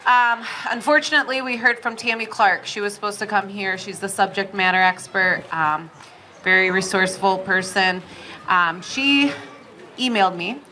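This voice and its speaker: A woman's voice: medium pitch, normal speed, sharp tone. An American woman hosting an event, making informal announcements to an audience. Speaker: event host. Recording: live event, audible crowd and noise.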